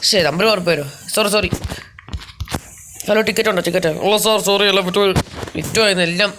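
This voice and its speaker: A young man commenting on his gameplay, chatty and quick to shout, talking to his viewers from home. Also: high voice, background noise. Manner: chatty, keeps calling out to guys; jumps into loud excited shouts. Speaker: gaming YouTuber.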